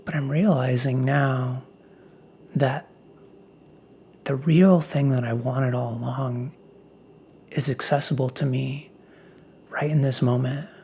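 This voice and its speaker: A man speaking in a soft, half-whispered ASMR pep talk, breathy and reflective, as if musing aloud. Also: mid-range voice, steady tone, slow pace, long pauses, a little hiss or hum. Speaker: ASMR host.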